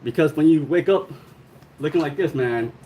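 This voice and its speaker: A man's voice: on the high side, moderate pace, mellow, slight background noise. A young man from Long Beach, California, telling loose slangy stories on a casual livestream, laughing often.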